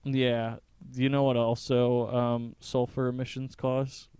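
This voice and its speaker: A man's voice: mid-range voice, flat delivery, takes it slowly, dark tone, clean tone. A man co-hosting a casual podcast, explaining things at length with frequent fillers. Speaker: podcast co-host. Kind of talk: casual chat.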